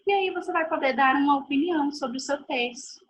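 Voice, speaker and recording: A woman's voice: sits high, a little fast, a little hiss or hum, poor audio. A woman giving a recorded video lesson to pupils, patiently repeating points and checking they follow. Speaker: teacher.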